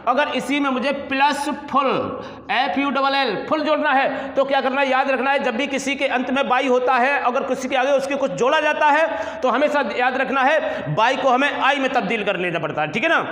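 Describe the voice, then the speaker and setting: A man's voice: extremely high pitch, normal speed, sharp tone. A male teacher giving a grammar lesson, spelling words out letter by letter and often checking that students follow. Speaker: English teacher. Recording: echoey room with long reverb.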